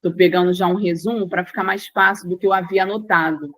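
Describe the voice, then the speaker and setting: A woman's voice: on the low side, fairly even intonation, fairly quick, fairly bright tone, no room sound, poor audio. A woman with a Brazilian Portuguese accent teaching an online language lesson, explaining in plain steps, repeating key points and checking in with her students.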